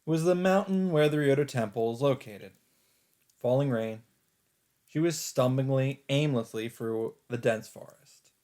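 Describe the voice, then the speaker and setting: Over background music, a medium-pitched man hosting a let's play reads a visual novel's on-screen text aloud, narrating dramatically and expressively with deliberate phrasing and pauses.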